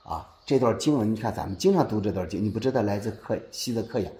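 Speaking quickly in a fairly low voice, a man preaches in an echoey church, his tone rising and falling expressively as he fires rhetorical questions at the congregation. He reads scripture aloud, then unpacks it with a warm, lively sermon cadence.

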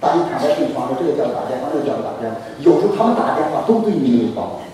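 A man preaching a sermon, swinging between soft asides and loud, impassioned exhortation. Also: mid-range voice, big pitch swings, very fast, a crowd in the background. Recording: echoey hall, voice from far off.

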